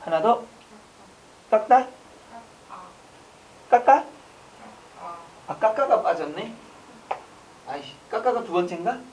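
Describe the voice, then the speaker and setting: Man lecturing with quick rhetorical questions. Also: high-pitched, expressive, slight background noise. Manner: quizzes listeners with rapid rhetorical questions; casual joking asides. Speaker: exam prep lecturer. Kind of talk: online exam lecture.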